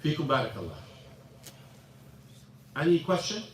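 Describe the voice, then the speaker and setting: Recorded from a distance in an echoey mosque hall with slight background noise, a man teaches an informal religious class. He speaks broken English at a moderate pace, often repeating himself, his fairly high voice swooping wildly in pitch.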